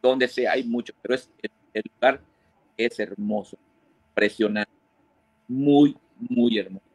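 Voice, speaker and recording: Guy, fishing guide, tells stories all animated, dry close sound. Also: medium pitch, a little slow, creaky, husky, dry recording, low-quality recording. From Mexico. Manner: animated storyteller who mimics quoted voices. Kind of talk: storytelling interview.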